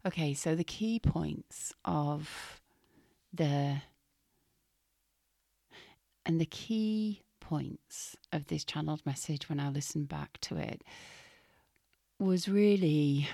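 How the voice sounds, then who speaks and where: A woman hosting a spiritual podcast, talking gently and softly with her voice still recovering, sometimes dropping to a whisper. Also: low-pitched, creaky, dry recording, clean studio sound. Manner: soft, slow and gentle, drifting into whispers. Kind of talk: casual spiritual podcast talk.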